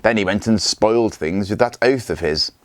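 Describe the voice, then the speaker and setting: A man's voice: on the low side, moderate pace, dry recording, natural voice. A man voicing a cruel, smug Viking warlord who talks in a mocking, self-satisfied way. His lines come from a storybook read aloud.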